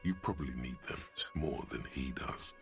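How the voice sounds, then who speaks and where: A man voicing a wry, deep-voiced game narrator with a husky, gravelly voice and a dry, descriptive delivery. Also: moderate pace. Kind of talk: video game voice acting. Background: faint game music.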